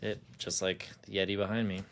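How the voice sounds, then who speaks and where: A man's voice: low voice, flat delivery, brisk, fairly bright tone, a little hiss or hum. A man co-hosting a casual podcast, joking and sarcastic, laughing often as he talks. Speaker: podcast co-host. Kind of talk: casual chat.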